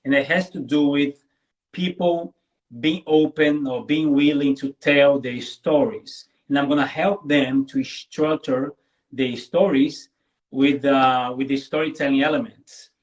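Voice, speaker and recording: Speaking at a slightly slow pace with medium pitch and fairly even intonation, this man is a guest content creator whose first language is Portuguese. He talks earnestly in a live online interview, repeats words, and keeps checking in with "right?". The highs are cut off in the audio.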